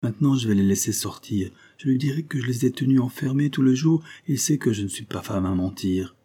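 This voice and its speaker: A man voicing a kindly woman housekeeper who speaks warmly and anxiously. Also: mid-range voice, a little fast, breathy edge, pitched above the performer's own voice, natural voice. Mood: fretful. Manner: warm, anxious.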